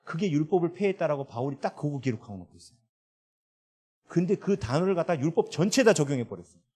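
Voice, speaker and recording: A man's voice: fairly high pitch, quick pace, slightly rough. A man preaching a sermon as pastor, asking the congregation question after question and answering them himself. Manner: lively rising and falling delivery.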